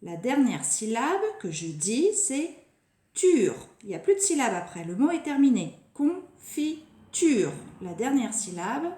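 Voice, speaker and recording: A woman teacher speaks to young children with a high, lively voice that swoops up and down. Her tone is mellow and she draws out each word slowly, repeating it with care. The sound carries the echo of a bare room. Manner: slow, deliberate, stretches and repeats words for children. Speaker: preschool teacher. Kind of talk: recorded lesson for young children. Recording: echoey room.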